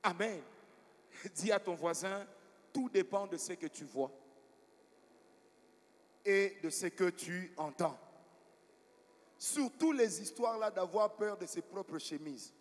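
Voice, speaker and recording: Pastor guy preaching, high voice, big echoey church hall. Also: slow, long pauses. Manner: storytelling preacher, asks the congregation for responses. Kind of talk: sermon. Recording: long hall reverb.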